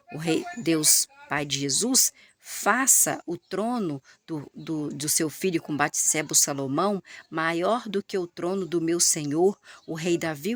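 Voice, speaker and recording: A woman reading a devout loyal guard captain. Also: deep voice. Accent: Brazilian Portuguese. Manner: repeats titles and blessings.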